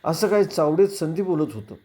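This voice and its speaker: A man's voice: a little high, very animated, darkish tone, breathy edge, pitched above the performer's own voice. A man doing a flustered village constable. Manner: hurried, anxious explaining.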